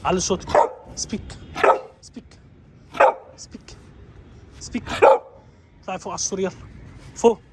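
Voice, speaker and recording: A man's voice: high-pitched, steady tone, fairly quick, pauses often, background noise. A man with an Egyptian Arabic accent, a dog trainer vlogging and giving his dog short, repeated commands.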